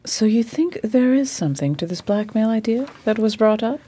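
A woman playing a brisk, authoritative lady detective in a radio play, speaking with precision. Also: a little high, animated, dark tone. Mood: brisk, commanding. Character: brisk, commanding lady detective leading her assistant.

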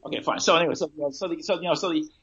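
A man's voice: fairly high pitch, steady tone, fairly bright tone. Man on a tinny, metallic call line. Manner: halting, restarts with repeated "so" and "you know". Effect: tinny, metallic-sounding call connection. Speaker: guest. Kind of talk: remote debate over a call. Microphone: remote call connection.

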